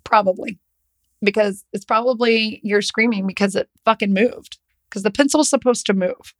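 A woman's voice: medium pitch, fairly even intonation, moderate pace. A woman on a podcast, talking casually and cursing as she walks through her notes. Her voice sits in an ordinary middle range, and she keeps things loose and joking. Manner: swears freely, reads notes aloud with a laugh. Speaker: podcast co-host. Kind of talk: casual chat.

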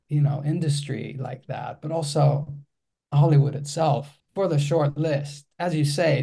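A man from Greece with a Greek accent talks through an interview as a filmmaker guest, often stumbling and restarting mid-sentence. His voice is somewhat high for a man, gravelly and mellow. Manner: hesitant, many restarts and fillers.

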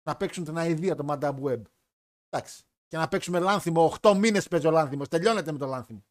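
A man hosting a live wrestling chat stream, talking in a joking, rambling way. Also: fairly high pitch. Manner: chatty, joking, rambling with restarts. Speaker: wrestling podcast host.

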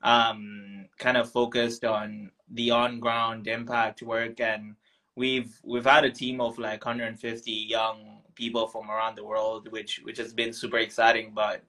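Fairly low and level, this young man's voice moves a little slowly and comes across pushed and bright over poor audio. He's a Tanzanian founder guesting in a relaxed interview, thinking aloud with frequent ums and false starts.

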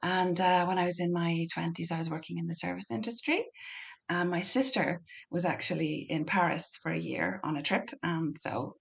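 A middle-aged woman with a west of Ireland Donegal accent, chatting casually as an interview guest and often pausing to think aloud. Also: on the low side, creaky, breathy edge. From Donegal, northwest Ireland. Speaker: podcast guest.

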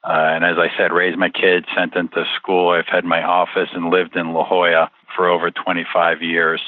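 A man's voice: low-pitched, no echo. A man in his fifties from Puerto Rico answering interview questions in an earnest, rambling way. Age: 50s. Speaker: interview guest. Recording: tinny dry phone line.

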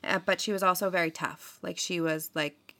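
A woman's voice: on the low side, fairly even intonation, moderate pace, a bit bright. A woman hosting a podcast, telling a true-crime story in a casual, chatty way, with many fillers. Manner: chatty, filler-heavy, frequent "like" and "um". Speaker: podcast host.

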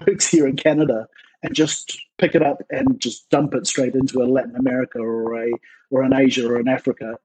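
Husky outgoing New man. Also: fairly high pitch, mellow, low-quality recording. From New Zealand. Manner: outgoing, talkative, rambling. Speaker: podcast guest, ministry worker. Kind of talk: casual interview chat.

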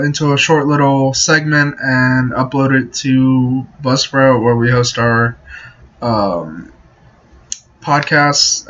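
A man giving a casual, hesitant off-the-cuff intro as a podcast host, recorded in low quality on a laptop microphone. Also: fairly bright tone, dull audio. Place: at work. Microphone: built-in laptop microphone.

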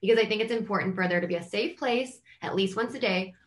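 A young woman talking as a child therapist in relaxed conversation. She explains patiently and leans on casual fillers. Her pitch sits in a middle range for a woman. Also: fast talker. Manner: explanatory, chatty with frequent "like". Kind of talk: casual advice chat.

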